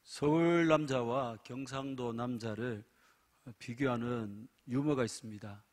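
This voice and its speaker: A man's voice: medium pitch, unhurried. A middle-aged male pastor with a Gyeongsang accent preaching a sermon, humorous and emphatic. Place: church sanctuary.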